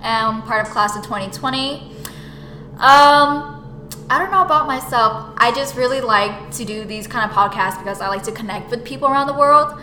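A woman's voice: on the high side, moderate pace, bright, forceful tone. A seventeen-year-old young woman co-hosting a student podcast and chatting casually to listeners. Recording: echoey room with faint noise.

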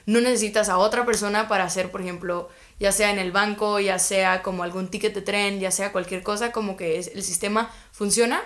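A woman's voice: medium pitch, steady tone, fairly quick, few pauses, fairly bright tone. A young woman from Guatemala, a podcast guest telling stories in a rambling, chatty way full of filler words. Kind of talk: casual interview chat.

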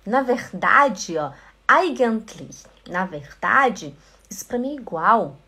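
A woman with a Brazilian Portuguese accent giving a live online German lesson, repeating words slowly to drill pronunciation and reading viewers' comments aloud. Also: medium pitch, big pitch swings, pushed and bright, breathy edge. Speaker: German teacher.

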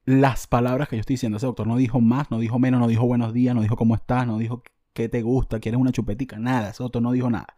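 A man with a Venezuelan accent hosting a podcast, telling a comic story in an animated, slangy, self-mocking way. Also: medium pitch, fast, hardly any pauses, dry recording. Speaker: podcast host.

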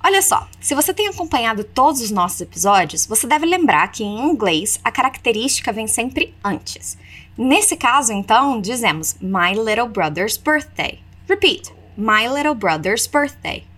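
A woman teaches English in a lively, highly animated voice that sits somewhat high. She slows down to model each phrase for repetition, then explains it in Portuguese. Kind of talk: language lesson with repeat-after-me drills.

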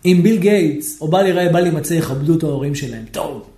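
A high-pitched man teaches a rabbi's lesson with animated energy. He keeps putting questions to his listeners. The voice rings in an echoey room. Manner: animated, asks the audience questions, acts out shouting people. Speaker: rabbi giving a Torah lesson. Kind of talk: lively sermon-style lesson with questions to listeners.

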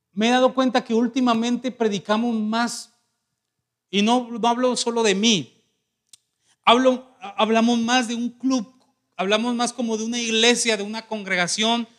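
A man with a high voice preaching a sermon as pastor. He acts out the voices in the stories he tells. He puts questions straight to the congregation. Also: a bit bright. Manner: dramatic preaching, acting out quoted voices.

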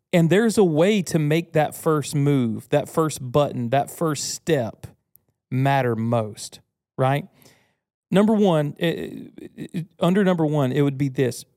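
A man's voice: mid-range voice, creaky, warm tone, no room sound, clean studio sound. A man in his thirties hosting a podcast, talking earnestly and casually, rambling a bit with restarts and self-deprecating asides. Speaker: podcast host. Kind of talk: casual teaching talk.

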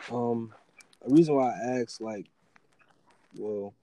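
A man hosting a casual chat, relaxed and teasing, asking soft-spoken questions. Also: mid-range voice, very slow, slight background noise.

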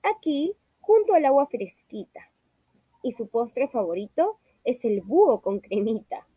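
A woman voicing a small, clever, boastful mouse who speaks slowly with a sly, playful manner. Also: on the high side, very animated, husky, dry recording, muffled recording, exaggerated voice.

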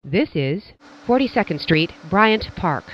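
A woman's voice: lowish voice, big pitch swings, a little slow, no echo. A woman calling out subway stops in a formal, automated announcement, with the words spliced together from separate recordings. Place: subway train carriage. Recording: lo-fi train speaker.

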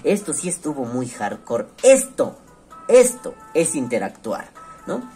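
A man's voice: mid-range voice, wildly swooping pitch, measured pace, warm tone. A man with a Mexico City accent rambles casually to his audience, swearing freely and slipping into slang. He acts out other people's voices as he talks, with faint music in the background. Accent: Mexico City Spanish. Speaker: online show host reading comments. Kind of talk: casual profane monologue.

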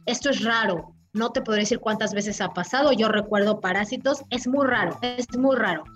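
A woman, co-hosting a casual film review chat, animated and full of restarts. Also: a little high, fairly quick, highs cut off, soft background music. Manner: animated, talks through restarts and fillers. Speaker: film podcast co-host.

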